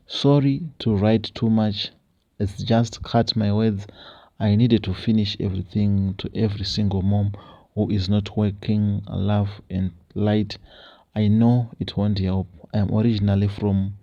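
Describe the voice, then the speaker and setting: A low-voiced man hosting a confessions show, his tone very dark and mellow. He reads letters aloud, then turns preachy and repetitive as he urges listeners. The recording is dull and lo-fi, with a dry sound and no room echo. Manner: repetitive, exhorting preacher-like delivery. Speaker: host.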